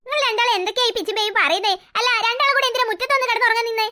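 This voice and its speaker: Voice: very high-pitched, rapid-fire, very noisy. A voice actor playing a sleepy, grumpy grown man who grumbles and talks with sarcasm. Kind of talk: cartoon voice acting.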